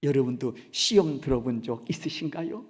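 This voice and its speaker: A man preaching a Sunday sermon as pastor in a church sanctuary. He swings between loud cries and hushed whispers and asks the congregation questions. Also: medium pitch, expressive, normal speed. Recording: reverberant church hall.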